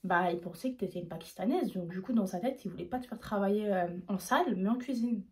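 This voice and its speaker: A young woman from France telling a storytime on her vlog, casual and slangy, acting out what people said to her. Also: medium pitch. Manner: fast, slangy, animated retelling. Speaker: YouTuber.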